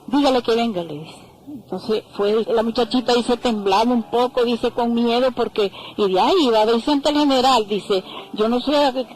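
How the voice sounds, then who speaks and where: A woman's voice: on the high side, a little mellow, a little hiss or hum, low-quality recording. An older woman recounting family memories in an interview, acting out the quoted voices and adding frequent tag phrases. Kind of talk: oral history storytelling.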